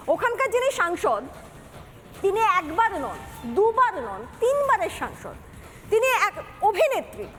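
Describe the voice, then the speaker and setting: A woman's voice: extremely high pitch, a bit bright, a little hiss or hum. A woman anchoring a news program with pointed, sarcastic commentary.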